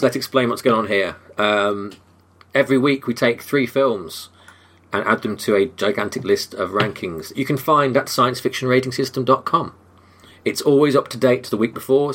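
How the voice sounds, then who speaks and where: A man's voice: mid-range voice, a bit bright. A man hosting a casual podcast, laughing easily and making dry jokes. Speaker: podcast host.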